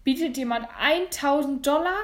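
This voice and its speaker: A woman voicing a flustered middle-aged male auctioneer who calls out bids loudly and eagerly, read as a storybook. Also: high voice, normal speed, lightly acted. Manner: loud, eager auction calling.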